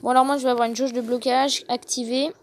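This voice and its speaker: A woman giving casual gameplay commentary, excitable and fretful, thinking aloud to her viewers. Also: sits high, quick pace. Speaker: gaming video host. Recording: noticeable background noise.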